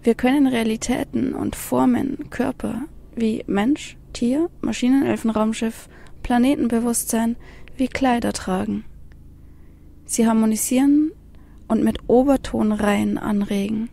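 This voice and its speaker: A woman delivers a slow, whispery spiritual recitation in a gravelly, fry-laden voice. Her tone is mellow and dark, pitched a little high. She drifts dreamily and hypnotically between phrases. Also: steady tone. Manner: slow, dreamy, incantatory, mixing in English phrases.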